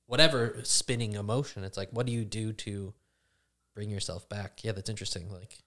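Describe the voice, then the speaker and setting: Male podcast host, low pitch, thoughtful and loose conversational delivery. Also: fairly even intonation, fairly bright tone. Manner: reflective, halting, many "like" and restarts. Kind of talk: casual conversation.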